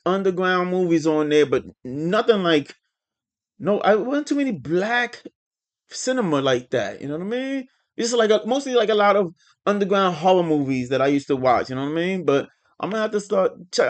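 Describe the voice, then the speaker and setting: A man hosting a reaction video, talking casually in a halting, rambling way with many fillers and restarts. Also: on the high side. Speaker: reaction channel host.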